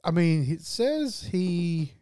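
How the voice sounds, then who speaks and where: Smooth-voiced laid-back podcast man. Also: sits high, sing-song, takes it slowly, warm tone. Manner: laid-back, laughs often, many fillers. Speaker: podcast co-host. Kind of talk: casual film chat.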